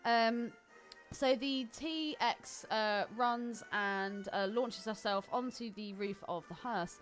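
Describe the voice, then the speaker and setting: A woman co-hosting a film podcast speaks slowly in a slightly high voice, chatting casually in a wry, teasing way. A film soundtrack score plays underneath her.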